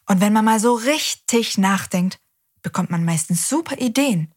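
A woman's voice: medium pitch, expressive, moderate pace, darkish tone. A woman hosting a children's show who talks to the kids directly in a cheerful, reassuring way.

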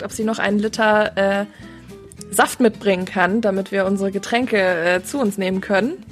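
A young woman, a student, chats casually on a campus radio show. She tells her stories in a relaxed, amused way. Her voice sits at an everyday middle pitch. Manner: chatty, amused storytelling. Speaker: student co-presenter. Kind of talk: casual chat.

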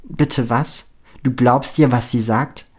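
A man reading the part of a sharp-tongued, bossy teenage schoolgirl, scornful and commanding. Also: medium pitch, moderate pace, vocal fry.

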